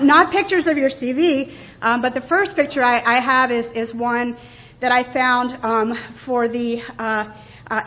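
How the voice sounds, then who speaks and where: A woman with a fairly high voice presents to a faculty audience in a conversational way. She is earnest and leans hard on the words she wants to stress. The recording sounds dull and lo-fi. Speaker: university administrator giving a faculty talk.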